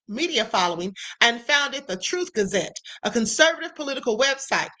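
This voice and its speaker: Sassy high-voiced woman streamer. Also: sharp tone. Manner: sassy, emphatic, drawn-out asides. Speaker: live stream host. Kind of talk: casual commentary.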